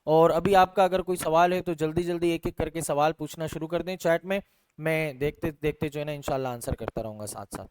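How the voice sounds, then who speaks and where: High-voiced male teacher, smooth and dry. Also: fairly quick, a little mellow, no echo. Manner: explains patiently, repeating example words and saying "theek hai" often; Urdu-flavoured Hindustani speech with English terms mixed in. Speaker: English language teacher. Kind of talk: online class lecture.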